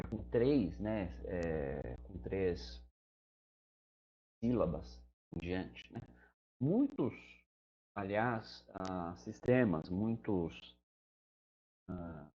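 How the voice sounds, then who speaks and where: A man's voice: on the low side, a little mellow, lo-fi sound. A man with a Brazilian Portuguese accent explaining grammar to students in a chatty, conversational way, often checking in with the listener. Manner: conversational, fillers like "né" and "tá". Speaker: English teacher.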